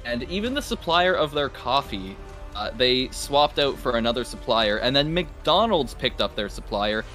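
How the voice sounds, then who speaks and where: A man's voice: mid-range voice, sing-song, normal speed, bright, forceful tone, faint music behind. A man from Canada casting a live game stream, explaining at length and laughing often. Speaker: esports caster. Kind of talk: casual live-stream commentary.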